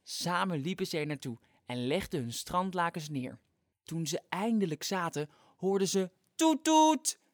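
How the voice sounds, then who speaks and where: A storyteller reading a children's story aloud with an expressive, lively delivery. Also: mid-range voice, normal speed, no echo, clean studio sound.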